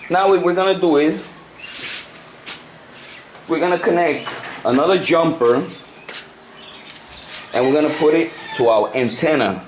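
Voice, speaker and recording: Recorded on an amateur camcorder with plenty of noise, this clip features a ham radio hobbyist walking through a casual, practical tutorial. He is a native Spanish speaker with a Puerto Rican accent and a voice on the high side, and he speaks haltingly, often repeating and correcting himself.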